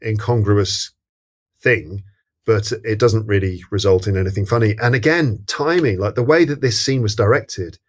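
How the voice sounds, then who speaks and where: A man's voice: fairly low pitch, moderate pace. A man co-hosting a podcast, talking through a comedy film in a thoughtful, hesitant way with many restarts. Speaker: podcast co-host. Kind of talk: casual film review chat.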